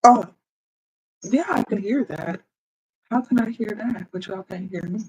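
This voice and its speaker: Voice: mid-range voice, unhurried, darkish tone, husky, poor audio. A livestreamer chatting casually with viewers, thinking aloud while fiddling with computer audio settings and talking into a computer microphone. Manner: chatty, talks straight to viewers. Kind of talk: casual live stream chat. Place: at a computer, indoors. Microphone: computer microphone, wearing headphones.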